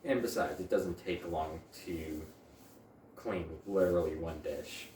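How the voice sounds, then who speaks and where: A man's voice: deep voice, unhurried, warm tone, slight background noise. A man chatting casually to the camera while cooking in his home kitchen, rambling with wry little asides. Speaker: home cook, channel host.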